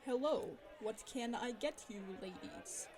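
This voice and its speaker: A sly undercover bartender, secretly a Soviet agent, in an audio drama, played by a woman. She speaks slowly, in a fairly high voice, polite on the surface and commanding underneath. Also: expressive, darkish tone, some chatter behind.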